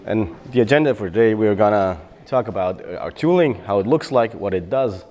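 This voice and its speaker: A middle-aged man from Bosnia, a software developer, gives a technical conference talk on developer tooling. Relaxed and explanatory, he speaks briskly in a lowish voice, with frequent fillers and self-corrections.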